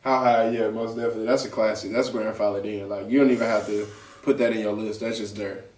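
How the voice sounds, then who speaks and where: A man's voice: fairly low pitch, steady tone, fast, a little mellow. Echoey man in slangy, profane banter. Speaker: talk show host. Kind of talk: casual chat. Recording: roomy echo, distant mic.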